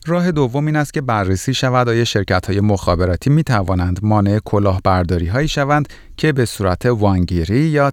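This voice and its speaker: Casting: male news presenter, lower voice, scripted bulletin read in a very dry studio sound. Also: dry recording.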